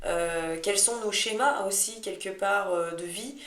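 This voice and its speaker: A chatty astrology podcast co-host, a woman, talks casually about her personal experience, wandering into digressions as she tells her story. Her mid-range voice is unhurried and fairly bright, recorded in an echoey room.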